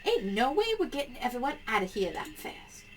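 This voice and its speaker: Woman acting a folksy, motherly country doctor, high-voiced. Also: sing-song, a little fast, a little hiss or hum. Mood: exasperated. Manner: folksy dialect, calling people honey and dear.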